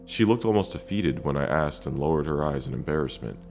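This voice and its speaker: A man narrating a first-person scary story in a dramatic way with deliberate pauses. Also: rumbling low, lively intonation, gravelly, darkish tone, soft background music.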